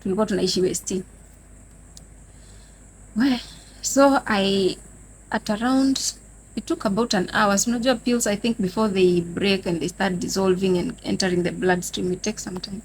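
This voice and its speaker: A woman's voice: medium pitch, normal speed, pauses often, slight background noise. A young Kenyan woman with a Kenyan accent, telling a dramatic personal story to her viewers in a casual vlog. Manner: animated, dramatic storytelling addressing viewers as guys. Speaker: vlogger. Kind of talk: storytime vlog, mixing Swahili and English.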